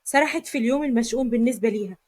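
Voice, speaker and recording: A woman's voice: fairly high pitch, racing. A woman with an Egyptian accent narrating a serialized drama story. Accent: Egyptian Arabic.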